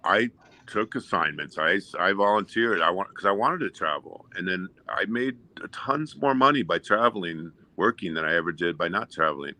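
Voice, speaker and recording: A man in his fifties speaking in casual chat, giving measured, encouraging advice. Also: low voice, animated, bright, forceful tone, no echo. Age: 50s.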